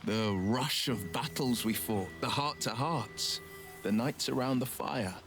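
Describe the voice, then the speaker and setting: A man's voice: medium pitch, unhurried, close to an everyday voice. An actor playing a devoted male hero companion in a game, speaking tenderly and reflectively. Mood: warm. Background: music.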